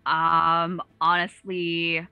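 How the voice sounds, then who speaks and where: A woman's voice: lowish voice, completely flat delivery, drawn-out words, clear, resonant tone, dry recording, dull audio, soft background music. A woman player in a tabletop game, speaking in a hesitant, thoughtful way.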